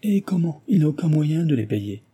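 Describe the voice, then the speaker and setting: A man voicing a sorrowful, anxious gentleman who speaks mournfully. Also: fairly high pitch, big pitch swings, moderate pace, husky, pitched above the performer's own voice. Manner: mournful, worried.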